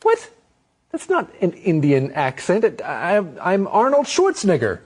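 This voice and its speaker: A male co-host chats playfully during an English lesson, often thinking out loud. His voice sits high with wildly swooping pitch and a breathy edge, and he speaks a little slowly.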